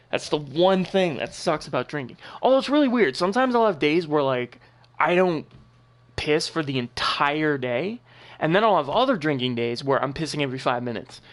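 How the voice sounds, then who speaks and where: A man's voice: on the high side, lively intonation, moderate pace. A young man giving casual gameplay commentary as a channel host, rambling and loose with lots of filler words and the odd swear.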